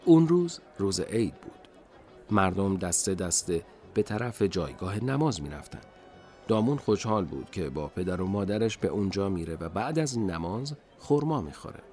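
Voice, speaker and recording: A man tells a children's story slowly and expressively, like on a radio storybook. His voice sits low but swings through a wide, animated range. Soft music plays faintly behind him.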